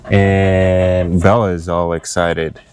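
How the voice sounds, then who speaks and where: Male vlogger, deep voice, slow easygoing delivery, rambling, filler-heavy; faint background noise. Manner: relaxed, rambling with many fillers. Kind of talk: casual travel vlog narration. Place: inside an RV and outdoors on the road. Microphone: smart glasses camera.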